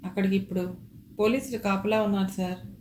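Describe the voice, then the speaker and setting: A woman reading aloud, voicing a fearful male servant who speaks haltingly, recorded with a roomy echo. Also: mid-range voice, a little mellow, a little hiss or hum, natural voice. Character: frightened male servant, timid.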